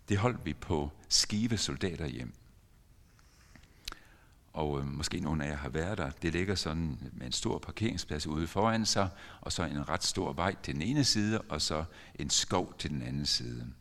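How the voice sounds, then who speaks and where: Deep-voiced older pastor in reverberant church. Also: male voice, expressive, fairly bright tone. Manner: earnest storytelling with sudden emphatic rises. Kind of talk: sermon.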